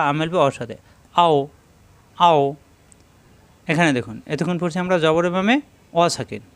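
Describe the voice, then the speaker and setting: A man teaching Quran pronunciation, slowly drilling syllables and repeating each one, with a Bangladeshi Bengali accent. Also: fairly high pitch, clean tone, dry recording. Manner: slow, drilling syllables with repetitions. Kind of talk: step-by-step pronunciation lesson.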